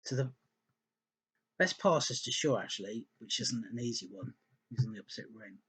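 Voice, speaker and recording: A man's voice: medium pitch, moderate pace, fairly bright tone, slightly rough. A man giving casual, rambling football analysis, thinking aloud with many ums and restarts while hiccuping. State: hiccuping and burping. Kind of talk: casual spoken analysis over slides.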